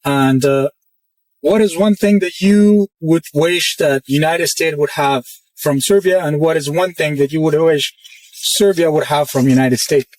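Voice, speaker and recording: A man's voice: a little high, a little slow, darkish tone, no echo, recorded from a distance, low-quality recording. Man asking brief interview questions. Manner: brief upbeat questions and reactions. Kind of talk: casual street interview.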